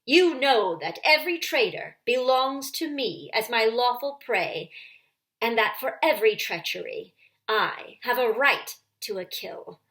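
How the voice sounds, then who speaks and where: A woman voicing a cold, menacing witch queen in a children's story, imperious and forceful, rising toward shrillness. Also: a little high, animated, measured pace, voice pushed up, low-quality recording. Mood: shrill outrage.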